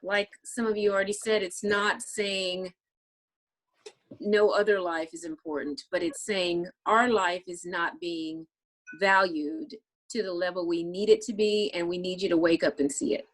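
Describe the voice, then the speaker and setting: A woman's voice: on the low side, unhurried. A woman taking part in a video call group discussion, speaking earnestly and urgently. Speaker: discussion participant.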